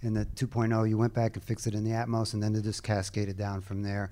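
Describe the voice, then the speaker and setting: Man, mellow dark tone, audience member, probing follow-up questions. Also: lowish voice, monotone, fast.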